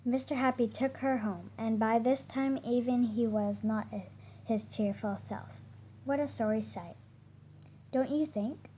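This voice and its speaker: Gentle woman reading a children's story aloud. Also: on the high side, steady tone, a little slow, slight background noise. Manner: gentle reading, stumbles on hard words.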